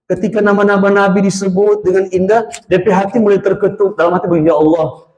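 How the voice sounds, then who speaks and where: A man preaching a mosque sermon, telling stories straight to his listeners and drawing out chanted prayer phrases slowly. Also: high-pitched, fairly even intonation, darkish tone, dull audio. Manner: storytelling, addresses listeners directly, draws out chanted phrases slowly. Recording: echoey mosque hall.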